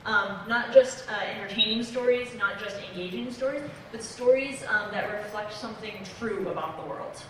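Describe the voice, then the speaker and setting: An earnest young woman from Belgium explains her points on a comics panel, pausing often on fillers. Her voice rings through a big convention hall from a distant microphone. A steady wash of crowd noise sits underneath. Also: medium pitch. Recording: echoey hall, distant mic, noisy.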